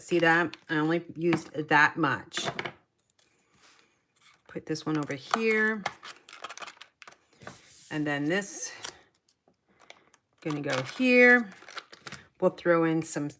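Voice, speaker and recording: A woman's voice: low-pitched, slow pace, long pauses, fairly bright tone, a little hiss or hum. A middle-aged woman chatting her way through a paper craft tutorial, talking to herself as she works. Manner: chatty, talks to herself while working. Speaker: papercraft demonstrator.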